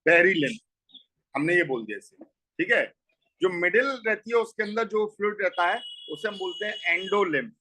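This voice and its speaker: A man's voice: high voice, expressive, normal speed, bright, forceful tone, poor audio. A man teaching a school biology lesson, explaining step by step and asking and answering his own questions. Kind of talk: biology class lecture.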